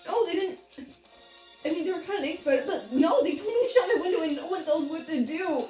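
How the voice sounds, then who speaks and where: A woman's voice: very high voice, lively intonation, quick pace, warm tone. A young woman playing a spoiled, whiny rich girl who leans on her father's money, in a comedy skit. Her voice is heard from a distance in an echoey room, with music behind. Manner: whiny and self-absorbed. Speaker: college roommate in a comedy skit.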